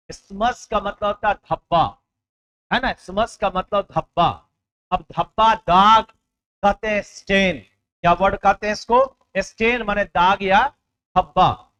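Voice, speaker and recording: High-voiced man teaching vocabulary. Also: pushed and bright. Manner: explains in Hindi, reads English words slowly, checks in with "है ना?". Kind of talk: exam-prep vocabulary lesson.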